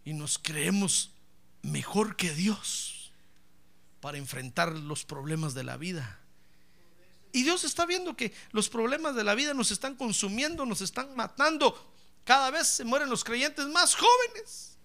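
A man preaching a lively sermon, joking with the congregation and breaking into shouted praise. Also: very high-pitched, measured pace. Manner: fervent, joking, bursts into shouted praise, keeps calling the listener brother.

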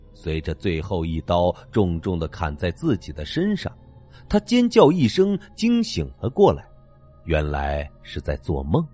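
A man's voice: sits low, a little mellow. A man narrating a horror story with dramatic, swinging intonation.

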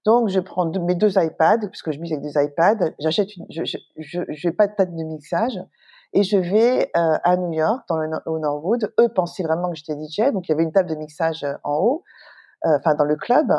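A middle-aged woman, a guest entrepreneur, telling an anecdote in a lively, animated way with plenty of fillers. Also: on the low side, a little fast, dull audio. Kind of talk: casual storytelling in an interview.

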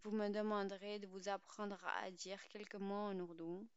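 A woman in her twenties tells her story with a smooth, clear voice and a measured, literary storyteller's delivery. She is a podcast host from Pakistan, reading scripted narration. The recording is dry and slightly dull. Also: mid-range voice, level tone, dry recording. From Pakistan, living in France. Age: 20s.

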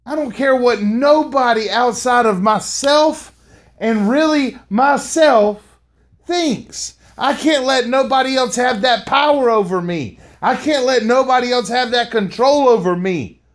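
With a very high-pitched voice and measured pace, a middle-aged man hosts a podcast as a motivational speaker. His monologue is slangy, repeating lines for emphasis and frequently addressing the listener as "man."

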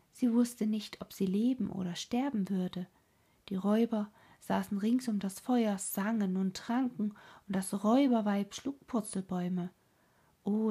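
A woman narrating a fairy tale in a soft, whispery voice. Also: mid-range voice, husky.

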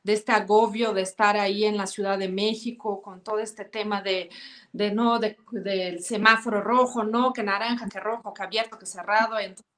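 A woman's voice: mid-range voice, fairly even intonation, moderate pace, a bit bright. Brazilian guest, a woman with a mid-range voice, easygoing. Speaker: guest, former model and influencer. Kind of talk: casual interview chat.

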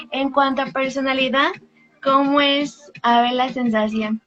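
A woman's voice: high-pitched, little pitch movement, unhurried, a bit bright. A woman interviewer asking casual questions, recorded with a slightly dull, lo-fi sound.

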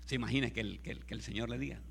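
A man's voice: mid-range voice, rapid-fire, creaky, a little hiss or hum. A man preaching a sermon through a story, emphatic and repetitive, often calling his listeners brother and having them repeat phrases after him. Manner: leads the congregation in repeating phrases.

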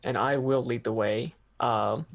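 A man with a medium-pitched, creaky voice explains rules as a tabletop player. He is casual and a bit halting. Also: steady tone.

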